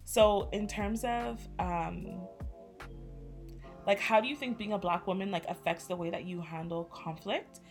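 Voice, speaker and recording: Young canadian woman chatting, animated storytelling, lots of "like", faint music behind. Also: medium pitch, unhurried, creaky. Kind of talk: casual chat.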